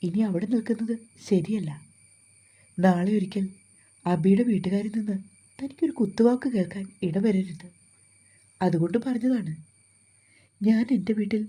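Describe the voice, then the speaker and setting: A gentle young man, read by a woman in a storybook reading, speaks softly and with apology in his words. The tone is dark and mellow, with a husky grain. The pitch sits at a middle level. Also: natural voice. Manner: soft, consoling and apologetic.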